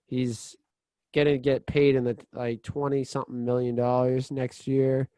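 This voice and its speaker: A man co-hosting a casual sports podcast, excitable, rambling and full of "like" and restarts. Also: mid-range voice, measured pace, clean tone, no echo. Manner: excitable, laughs easily. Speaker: podcast co-host.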